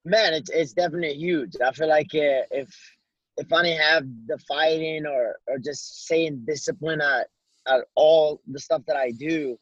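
A young man from Morocco answers interview questions in a loose, halting way, with lots of "like"s. His voice sits a bit high and sounds dull and dry, like a muffled recording. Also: steady tone, a bit bright, dry recording. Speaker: guest fighter. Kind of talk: casual interview.

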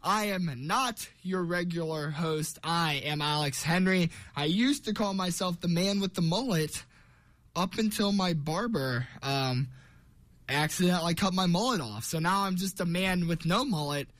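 A man's voice: high-pitched, normal speed, fairly bright tone. A young man hosting a college sports radio show in a casual, chatty way. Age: young adult.

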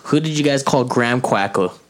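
A man's voice: medium pitch, a little fast. A man from Arizona hosting a loose podcast chat with friends, cracking jokes, swearing and talking over the others. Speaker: podcast host. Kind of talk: casual chat among friends.

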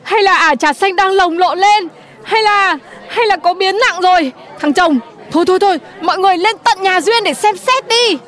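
A woman plays a fussy, excitable neighbor. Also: very high voice, moderate pace, some chatter behind. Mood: fretting.

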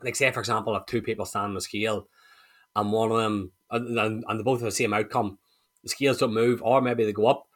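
Frank male coach, low pitch with a sharp bright edge, easygoing podcast talk. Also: steady tone, brisk. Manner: frank, swears casually, explains with examples. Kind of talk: casual podcast chat.

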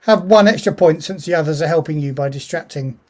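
A man running a tabletop roleplaying game as game master, speaking in a hesitant, halting way. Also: on the high side, darkish tone, slight background noise.

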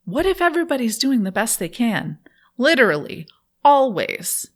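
A woman's voice: fairly high pitch, very animated, moderate pace. A woman guest speaking thoughtfully in an interview, laughing often while she tells a personal story.

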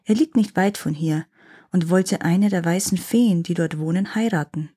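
A woman reads a fairy tale in a calm, unhurried storytelling voice. Her tone is mellow and soft, with a slightly husky grain. She gives the characters' lines a light touch of acting. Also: on the low side. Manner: calm, gently acted dialogue.

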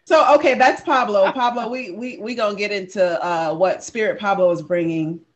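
A man from the US East Coast hosting a casual podcast chat, playful and animated, laughing often. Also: high voice, moderate pace, lo-fi sound. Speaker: podcast host.

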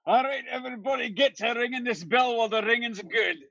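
A man voicing a male dwarf monk who shouts orders to his party. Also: very high-pitched, quick pace, creaky, no echo, pitched above the performer's own voice, heavily acted. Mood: rallying. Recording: dull lo-fi recording.

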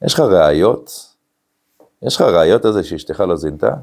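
A man's voice: sits low, sing-song, creaky, darkish tone, full character voice. A man doing a brash accuser. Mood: demanding. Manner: demanding, challenging.

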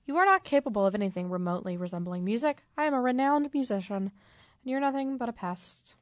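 A rude, dismissive rock bassist who snaps short and curt lines, as a woman acts him out in her own fairly high voice. The sound is dry and close. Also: animated, fast talker, no echo, natural voice. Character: rude, dismissive famous male bass player.

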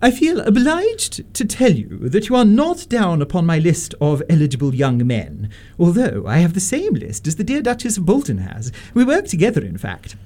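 A man plays an imperious middle-aged Victorian lady in radio stage-comedy style, his voice pitched high for a male and swinging in huge, wild arcs, with a dark tone in a full character voice. He interrogates with haughty disapproval, pompous and deliberate, using swooping emphasis.

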